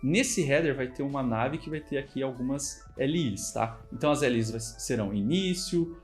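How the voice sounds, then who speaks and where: A programming instructor with a Brazilian Portuguese accent talks through code in a relaxed, chatty screen-recorded tutorial, checking in with the viewer often. His voice is medium-pitched at a normal pace, with soft music in the background.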